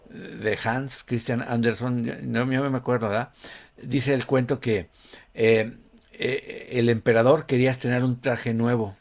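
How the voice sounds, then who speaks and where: A man's voice: mid-range voice, darkish tone. A man delivering a conversational sermon, often calling his listeners "brother" and asking them rhetorical questions. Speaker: preacher.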